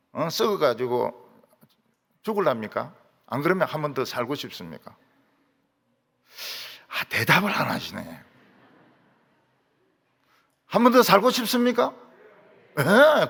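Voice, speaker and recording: Animated pastor. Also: male voice, mid-range voice, gravelly. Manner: animated, questions the congregation, swings loud and soft. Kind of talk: sermon. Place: church sanctuary. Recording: long hall reverb.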